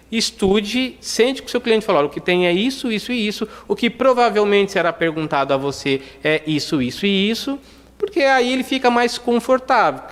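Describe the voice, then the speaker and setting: A man, lecturing on criminal defense work in a casual, chatty way. His voice sits fairly high, and he keeps tagging his sentences with quick asides. The sound rings with long reverb, as if picked up in a large lecture hall. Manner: conversational, many "né?" tags, acts out dialogue. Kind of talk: lecture with anecdotes.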